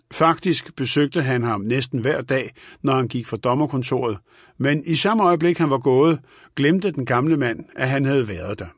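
A man narrating an audiobook in a calm, even reading manner. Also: medium pitch, slightly rough, no echo, clean studio sound.

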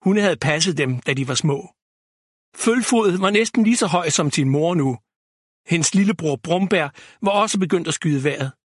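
A man narrating a children's fantasy story in a steady, clear reading. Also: a little high, no room sound, clean studio sound.

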